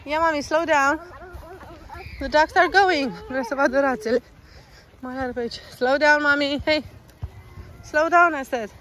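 A woman from Romania with a high voice films herself on a handheld phone in a town park, speaking gently to her toddler. She coaxes her child in a sing-song way and drops English words into her speech. A faint hum of the outdoors sits behind her. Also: long pauses. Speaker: vlogger and mother. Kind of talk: casual vlog chat with her toddler.

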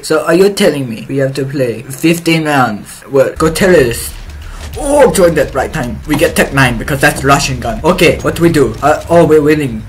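Riffing over his own gameplay, this young streamer adopts a fake foreign accent with broken English and now and then lets out loud, thrilled yelps. His voice is a little high.

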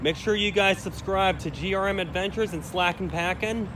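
A man with a slightly higher voice chats to his viewers as he films a walk around a building. He narrates casually and breaks into frequent exclamations. The handheld phone recording is outdoors, with clear traffic and street noise behind him. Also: normal speed. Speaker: vlogger exploring abandoned places. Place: outdoors around an abandoned restaurant and its parking lot.

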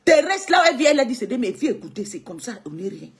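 A woman from Cameroon, scolding a critic in a combative monologue, swinging from low mutters to high outbursts. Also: sing-song, very fast, husky. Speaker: live streamer answering a critic. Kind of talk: heated monologue on a live video.

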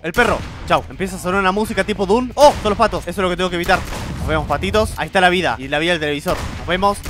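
A man's voice: sits high, fairly bright tone, a little hiss or hum. A young man with a Rioplatense Spanish accent commenting nervously on a horror game, yelping at the scares. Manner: jumpy, nervous, yelps at scares. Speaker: gameplay streamer.

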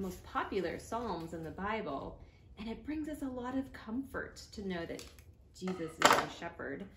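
A woman's voice: on the high side, a bit bright, slight background noise. A woman, a children's pastor, leading a children's church lesson with a craft, talking playfully and explaining step by step to kids.

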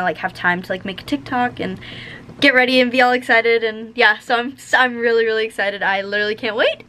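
A woman's voice: a little high, a bit bright. A young adult woman chatting casually for a vlog in a bubbly, gushing sorority-girl manner, sprinkling in "like" often. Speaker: vlogger, college sorority member. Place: indoors, dorm bedroom and large empty hall. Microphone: camera at arm's length. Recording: noisy room ambience.

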